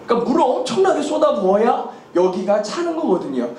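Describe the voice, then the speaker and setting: A man with a strikingly high voice preaches a sermon and tells the story in a lively way, asking rhetorical questions and chuckling along. The sound rings around a roomy church sanctuary. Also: a little fast, a little hiss or hum. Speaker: pastor.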